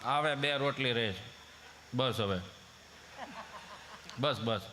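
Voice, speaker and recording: Bright-voiced Kathiawadi stand-up comedian. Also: male voice, mid-range voice, slow pace, a little hiss or hum. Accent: Kathiawadi Gujarati. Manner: folksy, anecdotal, chuckling as he talks. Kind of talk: folk stand-up storytelling.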